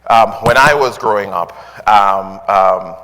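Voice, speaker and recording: A man with a Jamaican accent gives a conference talk in a low voice, stopping often with "um" and "uh" and restarting his sentences. The sound carries a long reverb from a large hall. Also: slow, bright, forceful tone. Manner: filler-heavy, restarts often, earnest. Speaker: conference speaker.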